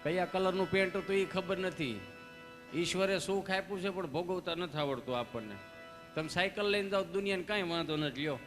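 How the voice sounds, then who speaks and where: A man's voice: high-pitched, brisk. A male folk comedian with a Kathiawadi Gujarati accent, telling stories on stage and acting out every part of the dialogue. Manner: animated, acts out dialogue in different voices. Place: stage before a live audience. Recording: reverberant hall with faint music.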